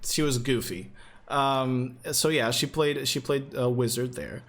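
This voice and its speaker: A man's voice: medium pitch, measured pace, a bit bright. A young man hosting a livestream as game master, chatting casually and rambling with many fillers and restarts. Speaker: game master and stream host. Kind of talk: casual livestream chat, reading chat questions. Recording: faint music behind.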